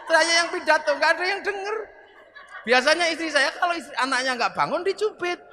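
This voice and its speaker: A middle-aged man giving a humorous sermon, telling stories in an animated way and acting out the voices. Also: very high voice, fairly quick. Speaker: preacher. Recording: reverberant hall, faint background noise.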